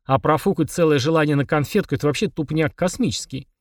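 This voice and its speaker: A man's voice: a little high, fast talker, dry recording, clean studio sound, recorded from a distance, lightly acted. Man doing a cheeky schoolboy. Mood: scornful. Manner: blunt, slangy. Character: cheeky schoolboy twin, blunt and mocking.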